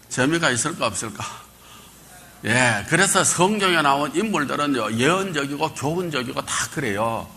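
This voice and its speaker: Lively, bright-voiced male pastor. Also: fairly high pitch, a little hiss or hum. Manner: quizzes the congregation, call and response; animated, jumps between loud and quiet. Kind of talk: Bible lecture sermon.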